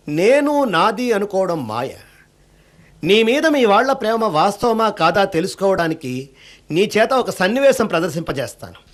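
An actor playing a solemn wise guru who preaches detachment, over music. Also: male voice, sits high. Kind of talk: devotional drama acting.

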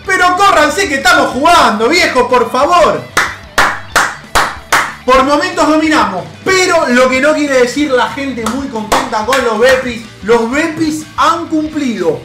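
A young man with an Argentine accent giving excitable gameplay commentary as a video game coach, cheering his players on with bursts of shouting. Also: extremely high pitch, unhurried. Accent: Argentine Spanish. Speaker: gaming YouTuber. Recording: roomy home setup with faint background music.

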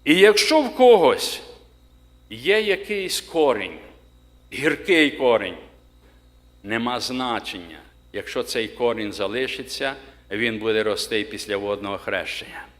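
A man preaching a sermon to his congregation, emphatic, slowing down to read scripture aloud. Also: mid-range voice, lively intonation, a bit bright. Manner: emphatic, rising on key words, slows to read scripture. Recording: long reverb of a church hall.

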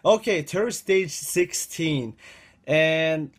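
Recorded on a webcam indoors, this young man hosts a gaming channel and talks through gameplay in a loose, rambling way, repeating himself and addressing viewers as "guys." He sounds dry-throated, slightly high-pitched and expressive, speaking slowly.

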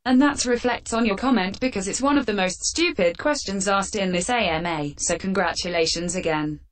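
A woman hosting a fan Q&A with sarcastic, deadpan answers, her voice run through a metallic filter. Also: medium pitch, moderate pace. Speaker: channel host answering fan questions. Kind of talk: scripted comedic Q&A.

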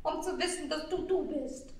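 A woman's voice: sits high, darkish tone, a little hiss or hum, close to an everyday voice. A woman voicing a small, timid shepherd boy who stammers and sobs as he speaks. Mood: doubtful. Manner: sobbing, halting, stammering. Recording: very echoey room, mic far off.

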